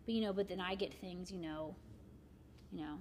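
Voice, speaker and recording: A woman's voice: on the low side, normal speed, a little mellow, slight background noise. A woman in her forties, a shop owner and arts volunteer, chatting casually as a guest and rambling with many "you know" fillers. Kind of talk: casual conversation.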